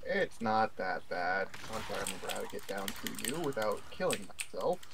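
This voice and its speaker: Gaming buddy, man, easygoing and jokey, clear background noise. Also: lowish voice, sing-song, normal speed. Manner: reassuring, jokey, swears casually. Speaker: co-op gaming partner. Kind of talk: casual gameplay chat.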